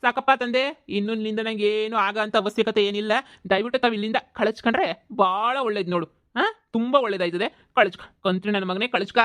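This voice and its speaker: A man voicing a bullying, foul-mouthed middle-aged village landlord who shouts insults and threats, in a comedy cartoon. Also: high-pitched, fairly even intonation, brisk, smooth, no echo. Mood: angry, threatening.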